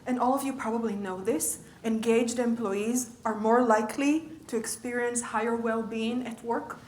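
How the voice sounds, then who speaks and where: A woman's voice: a little high, fairly even intonation, normal speed, a little mellow, roomy sound, slight background noise. A woman giving a conversational lecture as a leadership coach, often checking in with her audience. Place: lecture room.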